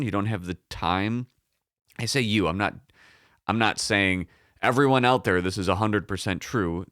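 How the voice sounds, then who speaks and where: Man, somewhat low froggy morning voice, clear tone, casual podcast host, rambling, emphatic, salty language. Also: a bit bright, no echo, clean studio sound. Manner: rambling, self-correcting, emphatic, profane. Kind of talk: casual solo podcast talk.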